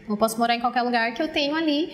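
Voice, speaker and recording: A woman's voice: fairly high pitch, rapid-fire. Chatty Brazilian woman from the Paraná countryside. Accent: Paraná countryside Brazilian Portuguese, rolled-back R. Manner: chatty, encouraging, acts out students' voices. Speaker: English teacher, guest. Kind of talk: casual interview chat.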